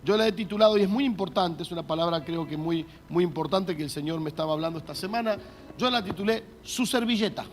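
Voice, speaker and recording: A man's voice: on the high side, fast, hardly any pauses, slight background noise. A male pastor preaching a sermon emphatically, repeating key words and having the congregation say them back. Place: church.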